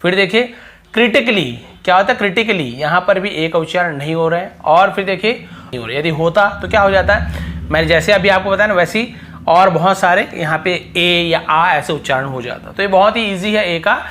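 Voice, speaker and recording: A man's voice: high voice, normal speed, pushed and bright, slight background noise. Indian man teaching, repeating each word. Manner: repetitive, emphatic, drills each example word. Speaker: English teacher. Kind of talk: classroom lesson explanation.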